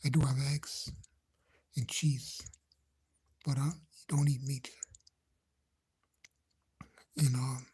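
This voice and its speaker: A man livestreaming from a phone indoors at home, chatting gently with viewers in a hushed, halting whisper so no one in the house hears him. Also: medium pitch, little pitch movement, slight background noise. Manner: halting, rambling, gentle, nervous. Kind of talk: hushed casual live chat. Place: indoors in a house he shares, speaking quietly.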